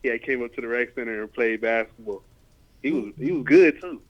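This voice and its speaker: Over dull, lo-fi conference call audio, an American football player talks a little fast in a mid-range voice. He's a man in his twenties connected to California and Ohio, giving relaxed interview answers packed with filler like "you know" and "like."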